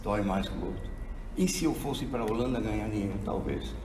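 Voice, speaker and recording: An Argentine man in his sixties addresses an audience on theology, his brisk, lowish voice carrying animated, sermon-style storytelling through an echoing hall. The microphone is placed at a distance, and background noise is present.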